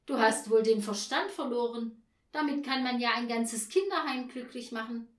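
An exasperated storybook father, as a woman acts him out, protests loudly in disbelief. He keeps a slow, deliberate pace. His voice echoes around a roomy space. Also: mid-range voice, recorded from a distance, close to an everyday voice. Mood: appalled. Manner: loud, exasperated. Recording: roomy echo.

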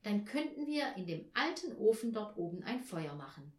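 A woman voicing an eager, excitable boy who shouts with enthusiasm, in a read-aloud story. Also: mid-range voice, normal speed, reverberant, recorded from a distance, lightly acted.

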